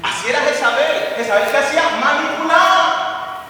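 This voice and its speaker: A man's voice: very high voice, animated, moderate pace, background noise. Man, pastor, emphatic sermon, call-and-response, distant mic, echoey church hall. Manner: emphatic, quizzes the congregation with call-and-response questions.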